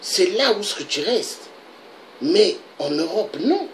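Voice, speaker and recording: Man, political video monologue, unhurried, animated declamatory delivery. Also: high voice, slight background noise, poor audio. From Republic of the Congo. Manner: declamatory, with repeated rhetorical questions.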